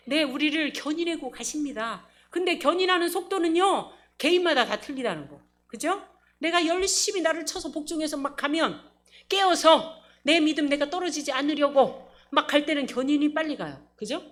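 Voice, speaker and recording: A woman's voice: sits high, moderate pace. A middle-aged woman pastor preaching a sermon, laughing often and acting out little quotes. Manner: animated, laughing, acts out quotes.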